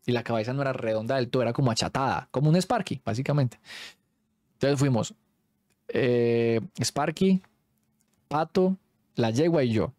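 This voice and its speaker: A man's voice: medium pitch, normal speed, long pauses, no echo, studio quality. Slangy Colombian man spinning a story. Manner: animated, slangy, jumps into quoted voices. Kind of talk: casual storytelling.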